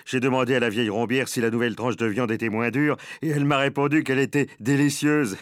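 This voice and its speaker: A man's voice: medium pitch, fairly even intonation, fast talker, no echo, clean studio sound, lightly acted. A man doing a gossiping restaurant waiter. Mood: mocking.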